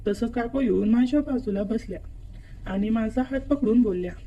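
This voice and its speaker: A woman reading a first-person story aloud in steady scripted narration. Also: a little high, normal speed, breathy edge, low-quality recording.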